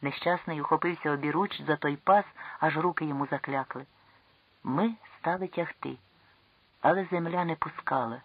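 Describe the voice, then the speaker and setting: Dramatic literary narrator, breathy and husky, dry slightly dull recording. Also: mid-range voice, normal speed. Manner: tense, dramatic storytelling. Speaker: audiobook reader. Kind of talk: literary narration of a classic story.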